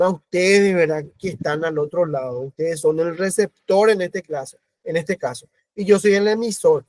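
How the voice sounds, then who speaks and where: Paraguayan male teacher, high-pitched, unhurried online lecture with lots of questions to students; dry sound. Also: darkish tone, dry recording. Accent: Paraguayan Spanish. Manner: explains slowly, repeating himself and asking the class questions. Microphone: video call.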